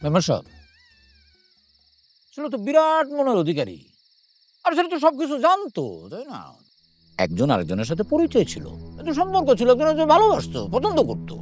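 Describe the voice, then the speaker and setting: An actor playing a chatty village matchmaker who explains a romance to a village official, in a TV drama. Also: male voice, very high voice, huge pitch swings, fairly quick, long pauses, soft background music, exaggerated voice. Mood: persuasive. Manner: chatty and persuasive. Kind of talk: TV drama acting.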